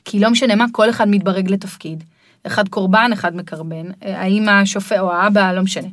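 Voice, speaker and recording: A middle-aged woman guiding parents in a podcast conversation, explaining in a lively way and sometimes mimicking children's voices. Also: mid-range voice, no room sound. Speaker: parenting guide.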